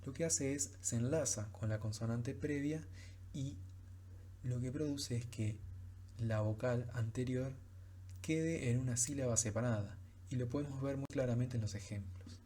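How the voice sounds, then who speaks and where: A man's voice: mid-range voice, moderate pace, warm tone, slight background noise. A man teaching French pronunciation in a recorded lecture, explaining patiently with frequent fillers.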